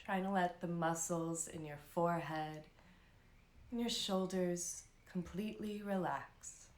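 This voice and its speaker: In an echoey room, a meditation instructor with a lowish voice leads a live session. She stays calm and unhurried, pausing at length as she soothes her listeners.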